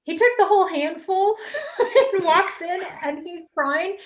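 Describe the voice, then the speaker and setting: A woman recruiter, a guest on a video-call interview, telling animated stories and laughing often. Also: very high voice, unhurried. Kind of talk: casual storytelling in an interview.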